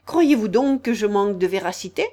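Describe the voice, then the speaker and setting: A woman's voice: medium pitch, big pitch swings, moderate pace, darkish tone, natural voice. A woman voicing a touchy, stern mouse who speaks curtly and severely. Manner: curt and severe.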